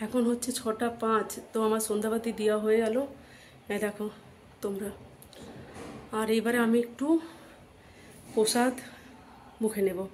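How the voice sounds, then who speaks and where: A woman in her thirties with a Bengali accent, chatting softly to viewers in a home vlog, her throat dry. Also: a little high, flat delivery, slight background noise. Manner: talks softly and slowly to save a dry throat. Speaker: vlogger. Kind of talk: casual vlog chat to viewers.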